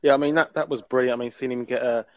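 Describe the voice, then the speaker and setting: A man's voice: medium pitch, fairly even intonation, rapid-fire, a little mellow. A man in a casual group chat, swearing and stumbling over the starts of sentences. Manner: swearing, repeats words while starting. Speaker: podcast panelist. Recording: dull mic with clear background noise.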